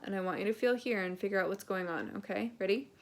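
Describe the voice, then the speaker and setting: A woman's voice: medium pitch, fast. A woman teaching a singing lesson, coaching patiently and singing short phrases as examples. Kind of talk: vocal lesson with sung demonstrations.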